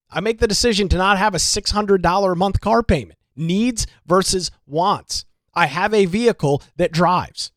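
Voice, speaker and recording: A man's voice: high-pitched, no room sound, clean studio sound. A man hosting solo local political commentary, sarcastic and emphatic, repeating his points for effect.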